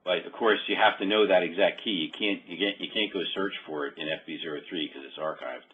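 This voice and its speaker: A very deep-voiced man talks fast on a phone or conference call, giving a casual screen-share walkthrough as a software demonstrator. The audio is muffled and narrow, like a phone line.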